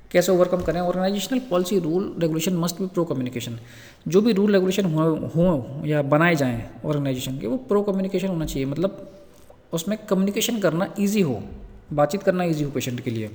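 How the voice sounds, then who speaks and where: A man lecturing nursing students, reading English points slowly and then explaining them in casual terms. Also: a little high, darkish tone, in a large hall. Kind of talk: Hindi lecture explaining from slides.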